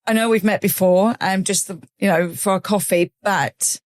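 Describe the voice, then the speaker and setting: A woman's voice: medium pitch, fairly even intonation, normal speed, no echo. A woman hosting a podcast interview, effusive and enthusiastic as she welcomes her guest. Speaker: podcast host. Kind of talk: conversational interview.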